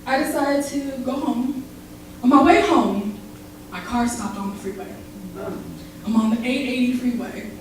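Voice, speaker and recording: High-voiced woman performing spoken word. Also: unhurried, pauses often, a little mellow, a little hiss or hum. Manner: rhythmic, dramatic delivery with rises and drops. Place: barbershop, live event. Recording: echoey live room recording from far off.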